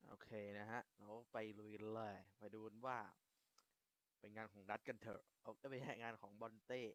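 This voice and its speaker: A man's voice: fairly low pitch, fairly even intonation, fairly quick, fairly bright tone, no room sound. A young man chatting casually while playing a video game and checking his mic. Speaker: gameplay streamer. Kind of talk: casual gameplay commentary.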